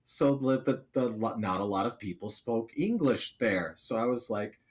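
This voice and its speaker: A middle-aged American man, a streamer guest in a casual interview, telling animated, self-deprecating anecdotes. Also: mid-range voice, moderate pace. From United States.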